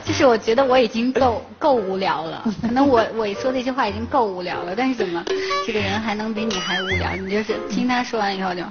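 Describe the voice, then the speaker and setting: A woman's voice: medium pitch, fast talker, hardly any pauses. A woman in an interview, talking in an amused, rambling way. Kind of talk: interview clip. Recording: dull lo-fi with loud music.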